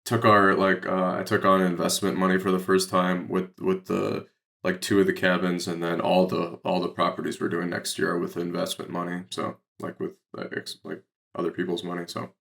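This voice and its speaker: Speaking at normal speed in a low, gravelly, monotone voice that's a bit bright, this American man from Detroit, Michigan, is a podcast guest who invests in real estate. His casual explanations wander, full of filler words and lots of "like."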